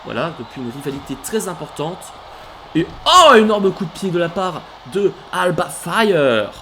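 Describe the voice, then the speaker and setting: A man calling a wrestling video game match play by play, animated, bursting into shouts at big moves and stopping to correct himself. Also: on the high side, normal speed, slight background noise. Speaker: let's play commentator. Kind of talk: excited play-by-play game commentary.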